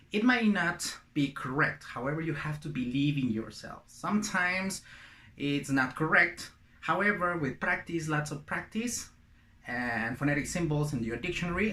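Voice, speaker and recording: A man's voice: on the high side, pushed and bright. Man teaching in an echoey room. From Latin America. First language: Spanish. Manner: encouraging, repeats words and phrases for practice. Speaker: language teacher. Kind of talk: casual spoken lesson. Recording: roomy echo.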